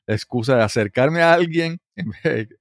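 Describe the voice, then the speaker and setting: A man's voice: mid-range voice, lively intonation, normal speed, vocal fry, dry recording. A male podcast host with an ordinary mid-range voice. He asks long, winding questions, often restarting himself. The recording is close and dry. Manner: chatty, rambling questions with restarts and laughs. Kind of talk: conversational interview.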